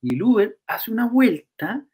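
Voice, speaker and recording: Animated Chilean man telling a story. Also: high voice, normal speed, breathy edge. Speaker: comedian guest. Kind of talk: comic storytelling.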